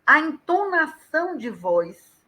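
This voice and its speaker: Brazilian woman educator, higher and bright in tone, animated talker. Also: slow pace, rough recording. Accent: Brazilian Portuguese. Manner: animated, acts out quoted speech vividly. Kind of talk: explanatory conversation on a live stream.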